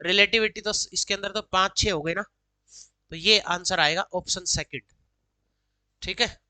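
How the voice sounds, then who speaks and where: A woman teaching exam solutions, reading each English question slowly, then explaining quickly in Hindi mixed with English. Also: medium pitch, bright, forceful tone, no echo, low-quality recording. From Haryana, India.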